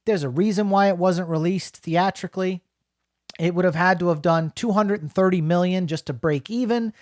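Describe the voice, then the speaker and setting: A man's voice: high voice, normal speed, a little mellow, dry recording, clean studio sound. A middle-aged man from New Jersey giving a casual, rambling spoken film review, full of fillers and restarts.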